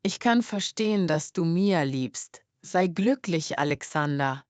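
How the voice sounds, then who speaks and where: A woman's voice: on the low side, lively intonation, unhurried, darkish tone, no echo. A woman playing a heartbroken young woman whose love goes unreturned. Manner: tearful and sad. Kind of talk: dramatized story for language learners.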